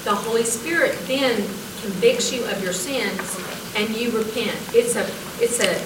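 A woman's voice: fairly high pitch, unhurried. A woman in a bible class thoughtfully explaining her view, restarting now and then. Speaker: class participant. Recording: echoey room, far from mic, loud hiss.

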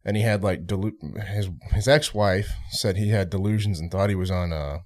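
A hungover man chatting casually as a podcast co-host, halting and self-deprecating as he loses his train of thought. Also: low voice, fairly even intonation. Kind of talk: casual chat.

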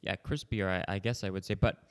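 A man talks in a fairly low voice. He is casual and a bit hesitant, sharing opinions as a food taster. Long reverb surrounds him. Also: fairly even intonation, fast talker. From Canada. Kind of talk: casual chat while tasting food. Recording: echoey room with long reverb.

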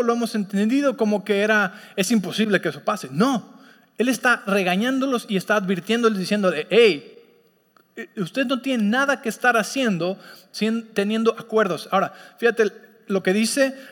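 A man's voice: high voice, fairly bright tone, big-room sound. A man preaching a sermon as pastor, teaching and often checking in with his listeners. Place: church sanctuary.

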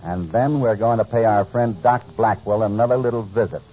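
An actor playing a shrewd, self-assured American cowboy hero, measured and commanding, in old-time radio western style. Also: male voice, lowish voice, lightly acted, rough recording. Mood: confident.

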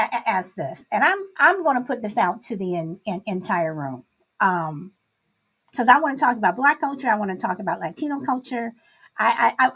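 Husky woman hosting, stammering eagerly. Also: medium pitch. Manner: stammering, animated, repeats herself. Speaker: host. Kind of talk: hosting a casual online audio room.

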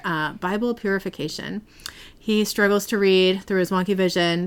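A woman's voice: medium pitch, fairly bright tone, clear, resonant tone. A woman hosting a podcast, casually recapping a TV episode in a chatty, giggly storytelling way.

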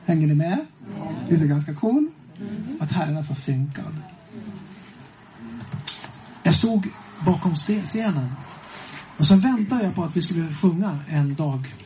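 A man telling a lively testimony to a congregation as a preacher, swinging between hushed and loud and often chuckling. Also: on the high side, long pauses, slight background noise, rough recording. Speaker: preacher and singer.

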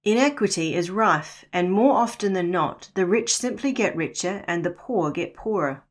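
A middle-aged woman with a New Zealand accent reads a scripted devotional for her podcast. Her voice sits on the low side, and her delivery is measured and earnest, slowing to let important lines land. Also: lively intonation.

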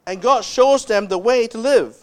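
A man preaching a sermon as pastor, speaking emphatically and dropping low and soft to stress key words. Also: moderate pace.

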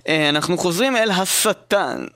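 A man hosting a comedy mock interview, speaking in a halting, hesitant way as he banters. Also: sits high, expressive, sharp tone, no room sound, clean studio sound.

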